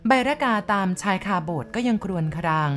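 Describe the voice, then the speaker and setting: A woman reading a ghost story aloud in the first person, with measured, vivid descriptive narration. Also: mid-range voice, expressive, faint music behind.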